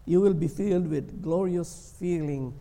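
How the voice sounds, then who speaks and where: A man from the Philippines preaching a sermon as a pastor, earnest and slow, sometimes acting out pleading prayers. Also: fairly high pitch, creaky, warm tone. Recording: long hall reverb.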